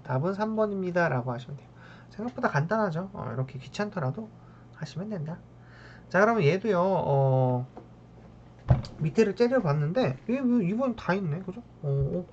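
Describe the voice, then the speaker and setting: A woman math teacher with a lowish, darkish voice works through problems, tacking a tag question onto every step and addressing the terms as if they could hear her. She mutters tired sighs as she goes, and the recording sounds dull and lo-fi with faint ambient noise.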